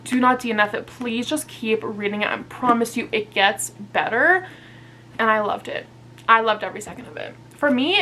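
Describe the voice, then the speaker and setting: A woman's voice: a little high, bright, forceful tone, slight background noise, poor audio. A young woman chatting casually on her vlog, reviewing books in a gushing, chatty way and swearing freely. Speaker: book reviewer.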